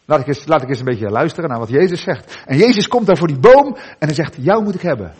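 A middle-aged man preaching a sermon in a church, earnest, with dramatic pauses and endings that drop soft. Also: on the high side, lively intonation, breathy edge.

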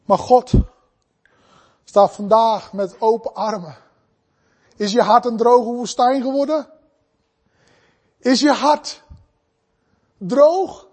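A man preaching a fervent sermon, swinging between loud, urgent passages and soft, pleading ones. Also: very high voice, takes it slowly, long pauses, breathy edge.

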